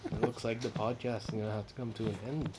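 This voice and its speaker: A man's voice: fairly low pitch, steady tone, fast, very noisy. A young man co-hosting a casual podcast from his bedroom, joking and laughing often. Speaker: podcast co-host. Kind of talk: casual chat.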